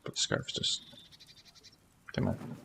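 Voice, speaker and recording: A man's voice: slow pace, bright, forceful tone, a little hiss or hum. A man giving casual, sweary game commentary in grumbling, muttered asides. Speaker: gaming streamer.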